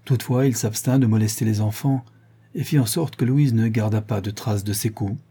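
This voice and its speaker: Male audiobook narrator, husky and mellow, measured story reading. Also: lowish voice. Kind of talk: scripted narration of a crime story.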